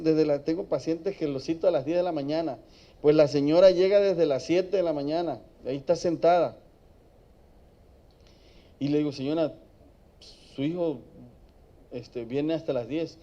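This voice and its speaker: A man's voice: fairly high pitch, mellow. A man, a psychologist giving a prevention talk to students in a chatty storytelling way. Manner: conversational storytelling, checks in with "¿sí?". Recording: dull lo-fi recording.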